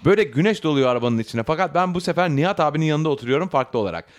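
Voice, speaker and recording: A male podcast host whose voice sits a bit higher than most men's. He chats casually with his co-hosts and reads a listener's letter aloud with playful, teasing delivery. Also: animated, very fast. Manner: playful, joking.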